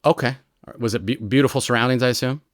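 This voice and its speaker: A man, a retired American federal agent, explaining his methods in an interview with lively examples and frequent "right?" checks. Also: mid-range voice, fast talker, no room sound, clean studio sound. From United States. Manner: animated storyteller, explains with examples and rhetorical "right?". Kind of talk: conversational explanation.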